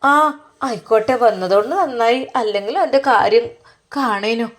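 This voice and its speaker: A woman voicing a kind elderly mother, speaking warmly and comfortingly. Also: on the high side, normal speed, close to an everyday voice.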